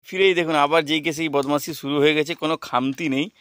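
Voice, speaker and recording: A man's voice: a little high, fairly even intonation, quick pace, heavy background noise. A young man with a West Bengal accent, chatting to viewers at home and coaxing his toddler in a sing-song voice. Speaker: family vlogger, father. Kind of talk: casual home vlog narration. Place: at home indoors.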